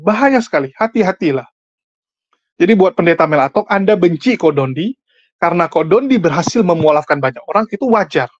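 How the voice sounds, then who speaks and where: A combative man speaks straight at his listeners and keeps throwing pointed questions back at them. His voice sits at an ordinary middle pitch. The sound is dull and lo-fi, dry and close with no room around it. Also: darkish tone, no echo. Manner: addresses the audience directly and repeatedly. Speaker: religious debate commentator. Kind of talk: argumentative online commentary.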